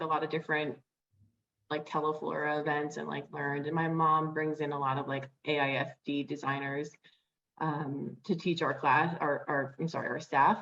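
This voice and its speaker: A woman's voice: sits low, a bit bright, lo-fi sound. A young adult woman, a florist guest on a video call, talking casually with many "like"s and "um"s. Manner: chatty, many fillers like "like" and "um".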